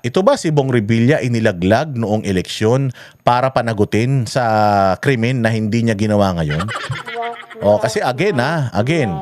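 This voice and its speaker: A man's voice: medium pitch, a little mellow, a little hiss or hum. A man with a Filipino accent delivering heated, profane political commentary straight to his viewers. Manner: angry, profane, addresses viewers as bossing.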